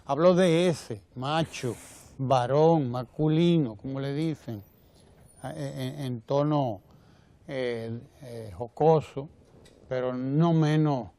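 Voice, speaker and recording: Dominican male TV commentator, measured, repeats phrases, dark tone. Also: medium pitch, no room sound. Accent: Dominican Spanish. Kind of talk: televised opinion commentary. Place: TV studio.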